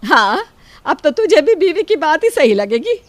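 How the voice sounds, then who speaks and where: A woman voicing a sharp-tongued middle-aged mother-in-law who scolds sarcastically. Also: high-pitched, very animated, moderate pace, no echo. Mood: angry.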